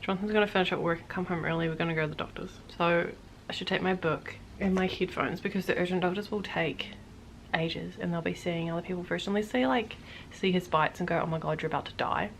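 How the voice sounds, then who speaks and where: A young woman, chatting casually to camera in a home vlog, rambling as she thinks out loud. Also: lowish voice, fast talker, vocal fry, a little hiss or hum, poor audio. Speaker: vlogger.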